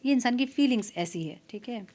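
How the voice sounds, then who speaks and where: A woman's voice: a little high, expressive, fairly quick, darkish tone, slight background noise. Chatty woman giving a tarot reading. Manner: chatty, mixes English words into Hindi, frequent "so" and "theek hai". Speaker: tarot reader. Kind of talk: casual tarot reading monologue.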